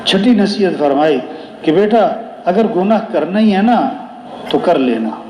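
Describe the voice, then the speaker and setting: A male preacher with a high-pitched voice delivers a sermon full of moral counsel and storytelling, his lively intonation set against a dark tone and a measured pace. He repeats phrases for emphasis and poses rhetorical questions that he then answers himself. The room is echoey and reverberant.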